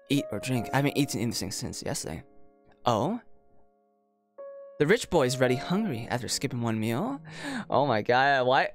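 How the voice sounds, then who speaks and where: A male streamer, mid-range in pitch with a fairly bright tone, reads a visual novel aloud in casual playthrough commentary. His reactions are informal and full of amused disbelief, with music audible in the background.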